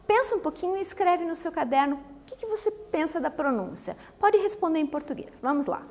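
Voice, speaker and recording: Brazilian woman, English teacher, questioning, animated and high-pitched. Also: brisk. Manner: lively, asks the students questions. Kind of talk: recorded lesson for students.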